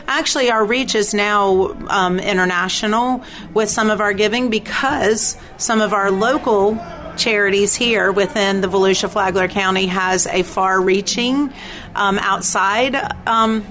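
A woman's voice: mid-range voice, fairly even intonation, a little slow, fairly bright tone. A woman speaking as an interview guest at a racetrack, explaining her nonprofit work as its chief executive. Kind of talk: enthusiastic explanatory interview talk. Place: at a speedway during race events. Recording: clear ambient noise from a racetrack. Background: racetrack ambience.

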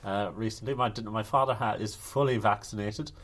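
A man's voice: fairly low pitch, fairly even intonation, normal speed, a bit bright. A man with a North Kerry accent from the west of Ireland, chatting casually and wryly as a podcast co-host. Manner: jokey, wry. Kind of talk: casual chat.

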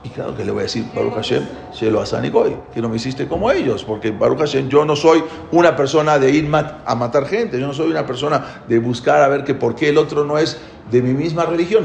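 A man telling a parable in an animated way, emphatic and repetitive, often restarting his sentences. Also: fairly high pitch, creaky. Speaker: guest telling a religious parable. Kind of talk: animated storytelling. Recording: echoey room.

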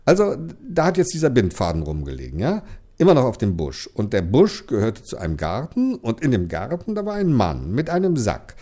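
A man's voice: medium pitch, huge pitch swings, brisk, warm tone. A man telling a children's story as a playful back-and-forth, teasing with questions.

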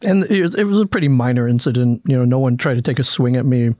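A man from the American Midwest, a guest in a casual conversation, telling a story with frequent restarts and lively quoted lines. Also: medium pitch, fast talker, dry recording, clean studio sound. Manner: storytelling, restarts often, animated when quoting.

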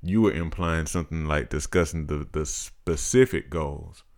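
Very deep-voiced man, measured podcast chat. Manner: measured, reflective, practical-minded. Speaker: podcast co-host. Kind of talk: casual chat.

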